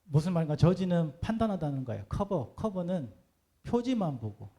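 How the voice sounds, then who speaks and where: A man's voice: a little high, sing-song, moderate pace, warm tone. A man preaching a sermon as pastor, talking conversationally and putting rhetorical questions to the congregation.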